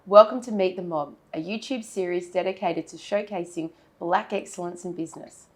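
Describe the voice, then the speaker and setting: A woman's voice: lowish voice, moderate pace. An Australian woman hosting an interview series, who introduces the show and encourages her guest in an upbeat way.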